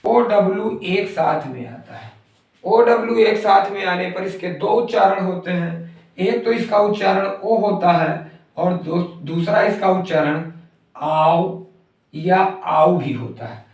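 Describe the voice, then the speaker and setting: A high-voiced man teaches a phonics lesson at a slow, patient pace, saying each example word more than once. He sits well back from the mic in a heavily echoing room. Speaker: English teacher. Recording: very echoey room, mic far off.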